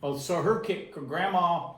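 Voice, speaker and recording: A man with a slightly high voice puts casual interview questions. He sounds a little far from the microphone, in an echoey room. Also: measured pace, a bit bright.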